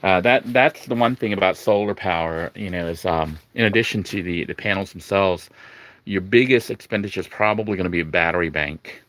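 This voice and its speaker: Bright-voiced man in a rambling casual walkthrough. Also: low-pitched, fairly quick, no room sound. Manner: informal, rambling, hesitant delivery with repeated 'you know'. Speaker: vlogger giving a home update. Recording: faint background noise and ambience.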